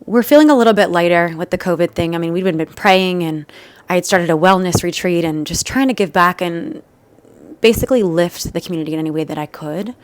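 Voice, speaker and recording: A woman's voice: fairly low pitch, fairly quick. A young woman vlogger telling a personal story in a chatty, emotional, rambling way with many fillers. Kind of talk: casual storytelling to camera.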